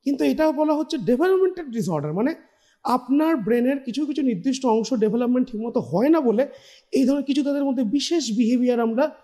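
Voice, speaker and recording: A man's voice: very high voice, animated, fast talker, mellow. A male doctor, patiently explaining a health topic point by point on a TV interview and mixing in English terms.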